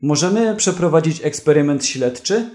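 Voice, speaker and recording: A man voicing a brash male prisoner who shouts out loud, excited accusations in a read-aloud story. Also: fairly high pitch, normal speed, natural voice. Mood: insistent.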